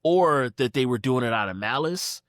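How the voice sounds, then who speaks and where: A man's voice: medium pitch, animated, moderate pace, fairly bright tone, no echo, clean studio sound. A man from Philadelphia, a podcast guest, talking casually about music with lots of fillers and acted-out quotes. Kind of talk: casual conversation.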